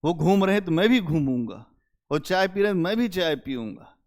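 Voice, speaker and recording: A man teaching a history lecture to exam students, emphatic and deliberate, often asking the class rhetorical questions. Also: sits high, lively intonation, a little mellow.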